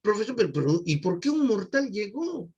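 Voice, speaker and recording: A man's voice: high-pitched, big pitch swings, normal speed, a little mellow, breathy edge, dull audio, pitched above the performer's own voice, exaggerated voice. A man voicing a curious young student who asks incredulous questions.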